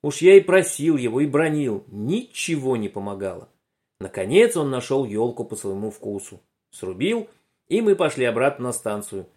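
A man narrating a children's story aloud in an expressive, animated way. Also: mid-range voice, moderate pace.

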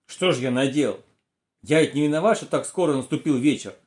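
A man's voice: medium pitch, fairly quick, lightly acted. A man voicing a picky, stubborn young boy in a storybook reading, whiny and argumentative. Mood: worried. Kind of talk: storybook character voice.

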